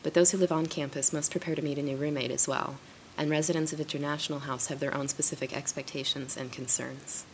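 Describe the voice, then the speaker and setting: Low-voiced woman news narrator. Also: steady tone, fast, slight background noise. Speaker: news reporter.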